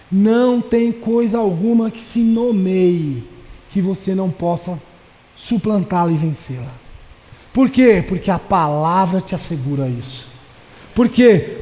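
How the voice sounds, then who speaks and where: A male pastor preaching a sermon with passion, swinging between loud declarations and soft, low asides. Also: big-room sound. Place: church.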